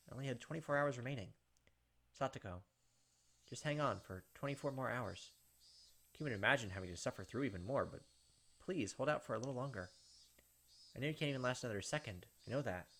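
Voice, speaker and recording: With the visual novel's music running underneath, a man hosting a gaming channel reads the on-screen narration and adds brief comments. His mid-range voice is fairly bright, and there is slight background noise.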